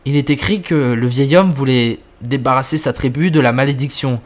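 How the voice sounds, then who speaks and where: A man's voice: medium pitch, moderate pace, natural voice. A man reading as a grave elderly woman scholar. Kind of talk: scripted horror story reading.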